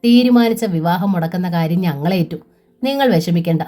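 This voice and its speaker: A woman voicing a kindly older mother-in-law who speaks warmly and reassuringly. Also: on the low side, fairly quick, faint music behind, close to an everyday voice.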